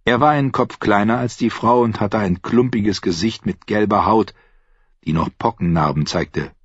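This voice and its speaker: Male audiobook narrator, expressive; husky voice, dry close sound. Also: on the low side, moderate pace, no echo, highs cut off. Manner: expressive storytelling. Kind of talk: scripted narration.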